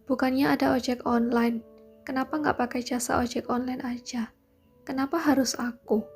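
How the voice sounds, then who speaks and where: Woman reading a snappish young man, curt, annoyed, mellow tone, faint music, audiobook. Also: high voice, little pitch movement, moderate pace, husky. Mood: irritated. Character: irritable young rich man.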